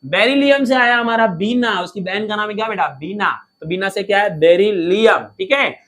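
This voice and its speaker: A man's voice: high-pitched, normal speed, fairly bright tone. A man teaching a lesson in a playful, coaxing way, asking questions and answering them himself. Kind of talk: classroom lesson, coaxing students.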